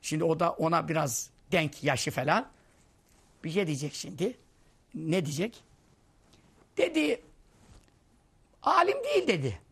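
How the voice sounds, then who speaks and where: A man's voice: measured pace, vocal fry, pauses often, husky. A man giving a conversational religious lesson, telling anecdotes and acting out the people he quotes. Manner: storytelling, acting out quoted voices, lively swings in pitch and loudness. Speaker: Islamic preacher teaching hadith.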